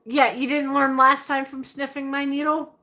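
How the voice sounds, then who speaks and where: The host's high-pitched voice is pushed and bright, with a flat delivery at a moderate pace. She's a Pennsylvania woman with a Pennsylvania Dutch accent and a Southern twist, casually rambling through viewer answers on her livestream, laughing often and correcting herself.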